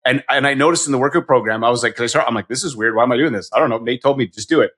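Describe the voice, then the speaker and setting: Fast-talking man in his fifties. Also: mid-range voice, fairly bright tone. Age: 50s. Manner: chatty, self-deprecating, rambling questions. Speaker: podcast host. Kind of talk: casual interview.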